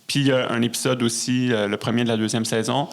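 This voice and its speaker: Talking fast in a mid-range voice with fairly even intonation, this podcast guest has a Québécois French accent. He's a musician and storyteller, and his casual interview answers sound thoughtful and slightly unsure.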